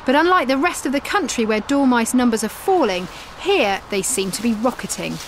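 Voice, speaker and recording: A woman's voice: on the high side, expressive, brisk, slight background noise. A woman reading scripted narration for a nature documentary as a reporter.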